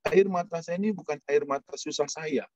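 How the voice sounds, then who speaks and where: A man preaching a sermon, telling an emotional personal testimony with sudden rises in pitch. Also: a little fast, a little mellow.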